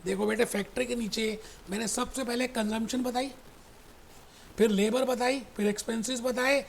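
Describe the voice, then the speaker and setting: Animated male accounting teacher. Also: very high-pitched, normal speed, creaky, slight background noise. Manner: animated storytelling, repeats points, calls students "beta". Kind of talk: recorded classroom lecture.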